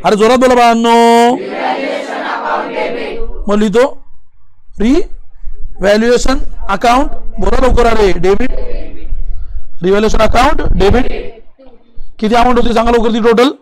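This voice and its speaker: A man with a Marathi accent teaching an accounting lesson, repeating steps and pressing students to answer aloud quickly. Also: extremely high pitch. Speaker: commerce teacher.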